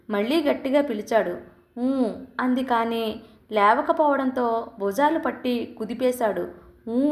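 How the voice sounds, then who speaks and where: Lady reading a story calm and steady, bit high, echoey room. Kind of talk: scripted narration. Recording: roomy echo.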